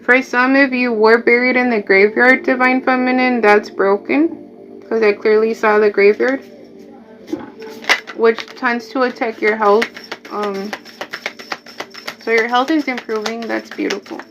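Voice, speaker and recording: A Mexican woman, a native Spanish speaker with a Mexican Spanish accent, gives a chatty live tarot reading that drifts into asides. Her voice is a little high with fairly even intonation, and she speaks a little slowly, pausing often, over background noise. The lo-fi audio sounds dull, with faint music.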